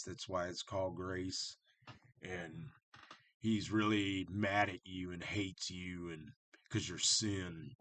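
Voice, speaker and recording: A man's voice: sits low, a bit bright. A man talking casually and unscripted to his viewers, rambling and circling back on himself, blunt and direct. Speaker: vlogger talking about Satanism.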